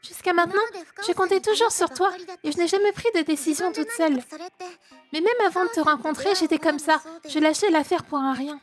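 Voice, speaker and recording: A woman's voice: very high voice, brisk, music in the background. A woman with a French accent voicing a timid but resolute teenage girl, reading game dialogue aloud on stream. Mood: earnest. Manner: sincere, soft-spoken and resolute. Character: timid, earnest teen girl finding her courage.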